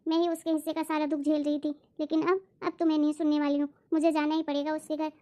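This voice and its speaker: An elder sister out of patience, lecturing and insistent in a homemade family drama. Her voice sits very high and stays sharp with reproach, as a woman acts her out. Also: flat delivery, quick pace, natural voice. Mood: worried. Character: fed-up elder sister demanding her money back. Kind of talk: acted family drama skit.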